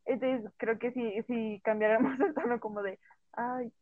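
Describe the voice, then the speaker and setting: Woman co-chatter, higher voice, tinny dry phone sound, animated quoting. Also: unhurried, dry recording. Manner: talkative, acts out quoted remarks. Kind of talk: casual chat.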